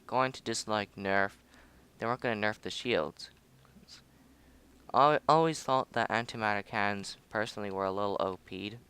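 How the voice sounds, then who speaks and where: A man's voice: on the low side, pushed and bright, clean tone. A young man casually commenting on his own space game footage, rambling, humming and joking at himself. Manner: rambling, self-mocking, hums and mutters to himself. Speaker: gameplay video host.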